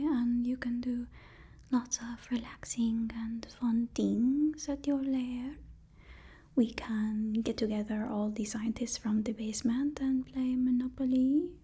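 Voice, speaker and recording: In this whispered ASMR piece, a woman takes on the role of a supervillain's meek personal assistant, full of apologies and hesitant, placating words. Her voice is a little high and warm, with a slight roughness.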